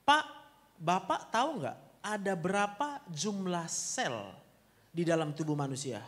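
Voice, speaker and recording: A man's voice: high voice, expressive, a little slow, fairly bright tone, long reverb tail. A man who is a doctor, answering audience questions in a blunt, teasing manner, with a Medan Indonesian accent. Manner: blunt, teasing, laughing often. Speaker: doctor giving a talk. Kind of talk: Q&A talk.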